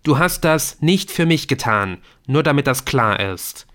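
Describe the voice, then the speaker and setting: Brief: man doing a grieving young son, raised higher and louder than his reading voice, raw and accusing, audiobook. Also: expressive, a little slow.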